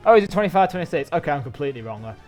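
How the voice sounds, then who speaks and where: A man's voice: on the high side, very animated, very fast, darkish tone, faint music behind. An English man live-streaming a video game, chatting casually and rambling while he snacks. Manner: rambling, chatty, talks with mouth full.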